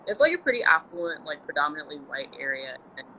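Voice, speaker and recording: A woman's voice: low voice, sing-song, quick pace, bright, forceful tone, slight background noise, low-quality recording. A woman in her twenties from Central Maryland, hosting a casual live video interview and chatting encouragingly with her guest. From Central Maryland, USA. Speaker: host.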